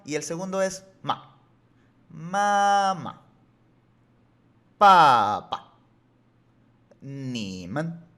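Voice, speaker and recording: A man teaching a language lesson on video, explaining rules patiently and reassuring his viewers as he repeats examples slowly. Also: a little high, a bit bright. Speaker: Mandarin teacher.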